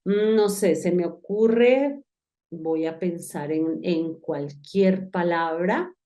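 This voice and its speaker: A woman's voice: fairly low pitch, drawn-out words, warm tone. A woman, an English teacher walking one student through pronunciation step by step. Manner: patient, talks to one learner, spells out each step. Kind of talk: online class with a whiteboard.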